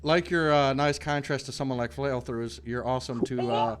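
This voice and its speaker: A man's voice: mid-range voice, steady tone, normal speed, over a noisy crowd. A man hosting a game stream, casually reading chat comments aloud and stumbling over names.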